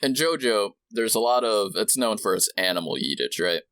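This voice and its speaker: A man's voice: fairly low pitch, big pitch swings, normal speed, a bit bright, dry recording. A man co-hosting a podcast, chatting casually with wry interjections. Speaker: podcast co-host. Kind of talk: casual chat.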